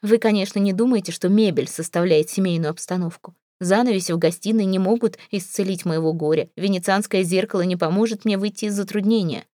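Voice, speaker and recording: Exasperated proud young husband in an audiobook, read by a woman, clipped and indignant, mellow dark tone. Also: mid-range voice, a little fast, hardly any pauses, dry recording, studio quality, close to an everyday voice. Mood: irritated. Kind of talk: audiobook character reading.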